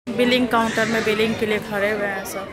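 A woman's voice: a little high, fairly even intonation, a little fast. A woman in her thirties chatting to her viewers in a casual shopping vlog, filming herself on a phone held at arm's length while she walks through a busy indoor mall. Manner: chatty, addresses viewers directly while walking. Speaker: vlogger. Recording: loud crowd and mall noise. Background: crowd chatter and mall noise.

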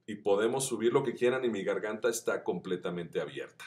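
A man teaching voice acting, chatty and encouraging, who demonstrates shouts that climb up the pitch scale. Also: brisk. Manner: addresses viewers as friends, chatty and encouraging. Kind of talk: tutorial.

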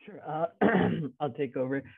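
A man's voice: on the high side, animated, measured pace, vocal fry, slightly rough, no echo. Young man, tinny call audio. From Nepal. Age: young adult. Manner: friendly, casual, with fillers. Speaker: student panelist. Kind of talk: panel talk on a video call. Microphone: video call. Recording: dry, tinny phone-like video call audio.

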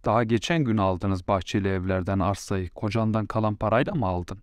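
A man voicing a bold young wife in an audiobook story, speaking scornfully and talking back loudly. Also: on the low side, steady tone, brisk, dry recording, studio quality, natural voice. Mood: defiant. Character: sharp-tongued young wife, bold and defiant.

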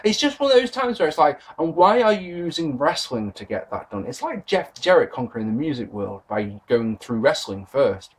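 Husky, animated British man. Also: a little high, normal speed, hardly any pauses. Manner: animated, sarcastic, sweary. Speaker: wrestling reviewer. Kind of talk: casual video review. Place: bedroom with posters, indoors.

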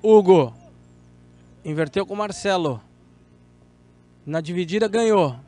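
A man's voice: high-pitched, unhurried, dark tone. A man with a Brazilian accent giving live play-by-play commentary on a football match.

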